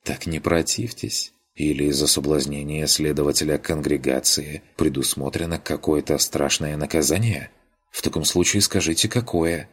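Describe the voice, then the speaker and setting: A man's voice: rumbling low, moderate pace, husky. A man voicing a playful, bold young noblewoman in an audiobook, with a teasing, coquettish manner.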